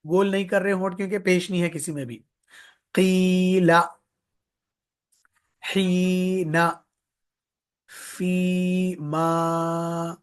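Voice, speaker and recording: In a slow, drilled tajweed lesson held live online, a man teaches Quran recitation, repeating each word several times, stretching the long vowels and mixing in English teaching terms. His voice is high and quick, with hardly any pauses.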